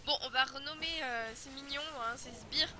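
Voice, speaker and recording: A woman's voice: sits high, normal speed, noisy background. A woman giving casual, playful commentary over her own gameplay, teasing and chatting to the players on screen. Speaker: gaming video host. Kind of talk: casual let's-play commentary.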